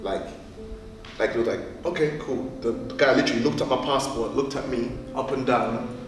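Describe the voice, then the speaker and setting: A man who grew up in the Caribbean, a student telling his experiences in an interview in an animated way. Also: medium pitch, normal speed. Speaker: media production student interviewee. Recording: echoey room, distant mic, music behind.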